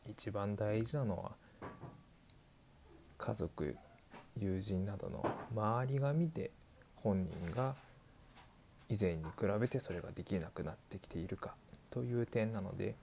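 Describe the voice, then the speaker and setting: A man's voice: lowish voice, a little slow, gravelly, long pauses, a little mellow, a little hiss or hum. A man voicing an elderly male doctor who patiently explains, dragging out his old-fashioned sentence endings. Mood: explaining. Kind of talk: scripted explainer dialogue.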